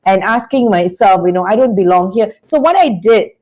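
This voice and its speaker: A woman's voice: mid-range voice, normal speed, rough recording. Chatty woman telling her story. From Singapore. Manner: animated, chatty storytelling with frequent restarts and laughs. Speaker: interview guest, business school founder. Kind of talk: conversational interview storytelling.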